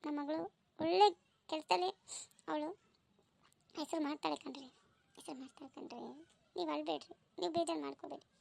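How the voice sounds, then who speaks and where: Brief: woman as a cartoon village mother, very high and slightly gravelly, homely and gentle. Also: fairly even intonation, quick pace, long pauses. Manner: gentle homely storytelling talk. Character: village mother of two, warm, devoted wife. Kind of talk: family cartoon story voicing.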